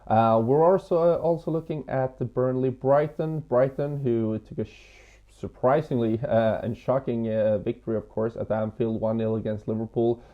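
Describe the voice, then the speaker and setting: A man giving football betting tips as an expert tipster, with a hesitant, halting delivery. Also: medium pitch, steady tone. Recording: slightly dull lo-fi audio.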